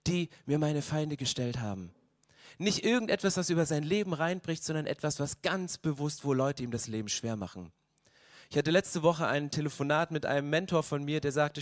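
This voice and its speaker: A young man preaching a sermon, earnest and rising to loud, passionate stretches. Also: fairly high pitch, no echo, studio quality. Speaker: pastor.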